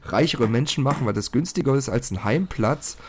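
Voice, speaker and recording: A man's voice: mid-range voice, expressive, a little fast, darkish tone, slight background noise. A man casually telling a personal story on a podcast, chatty and colloquial. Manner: chatty, colloquial, often says "halt" and "so".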